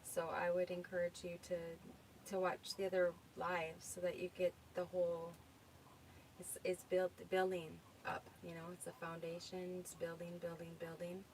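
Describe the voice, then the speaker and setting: Reading viewer comments and thinking aloud as she hunts for things, a Minnesota-accented American woman hosts a casual livestream. Her voice sits on the low side with a completely flat delivery at moderate pace, and the low-quality recording has faint background noise.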